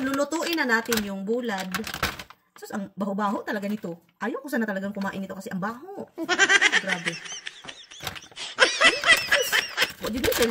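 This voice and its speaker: A woman's voice: a little high, heavy background noise. A woman chatting casually to her viewers in a home vlog, calling out to them often. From Philippines. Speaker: vlogger.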